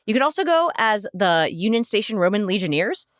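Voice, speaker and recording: Playful woman with a very animated delivery. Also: medium pitch, fairly quick, no echo, studio quality. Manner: informal, slangy, playful. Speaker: podcast panelist. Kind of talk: casual chat.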